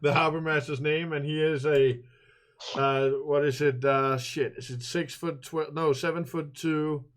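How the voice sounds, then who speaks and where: A man's voice: on the high side, steady tone, unhurried. A man narrating as game master in a tabletop role-play game, rambling and joking with many fillers.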